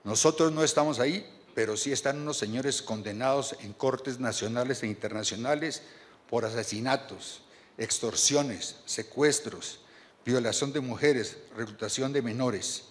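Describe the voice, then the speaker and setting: A man, reading a measured and earnest formal speech from notes at a podium microphone in a large banquet hall. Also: medium pitch. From Colombia. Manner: measured and earnest, reads from paper with small restarts. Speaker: board chairman giving a speech. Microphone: podium microphone on a stand.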